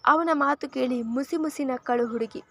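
A woman narrating a serialized romance novel in an expressive, steady storytelling voice. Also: high voice, moderate pace. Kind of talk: novel reading.

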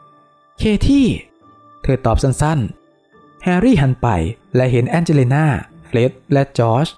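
A man reading a novel aloud as an audiobook narrator, with expressive, animated narration. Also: mid-range voice, moderate pace, soft background music. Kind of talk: storybook reading.

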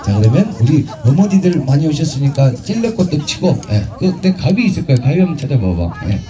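A man emceeing a street performance at an outdoor festival, teasing the crowd with crude jokes and shouting music cues. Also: fairly high pitch, big pitch swings, fast.

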